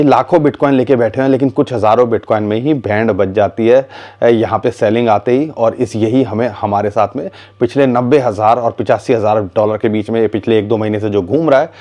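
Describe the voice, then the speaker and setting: A man talks through market charts in a relaxed, chatty way. His voice is warm and mellow. He throws in rhetorical questions and calls his listeners "bhaiya". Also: mid-range voice. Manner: conversational, addresses viewers as "bhaiya", rhetorical questions. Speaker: crypto market commentator. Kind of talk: casual explanatory commentary.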